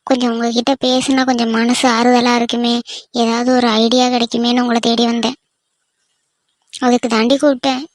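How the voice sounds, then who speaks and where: A woman's voice: fairly high pitch, no echo, lightly acted. A woman doing a worried older village aunt. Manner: anxious, confiding.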